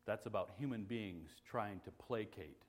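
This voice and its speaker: Animated male preacher teaching from scripture. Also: on the low side, measured pace. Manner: animated preaching, swings from loud exclamations to quiet asides; conversational teaching with restarts and humor. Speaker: pastor. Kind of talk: sermon.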